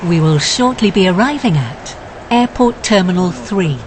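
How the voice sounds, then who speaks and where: A woman's calm, measured voice giving an automated train announcement. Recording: steady train rumble noise.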